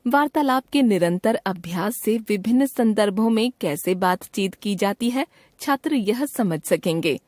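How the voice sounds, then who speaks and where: A woman reading a school textbook lesson aloud in a measured, even way. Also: mid-range voice, no echo, clean studio sound. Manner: measured, evenly paced reading. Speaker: textbook narrator. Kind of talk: scripted educational reading.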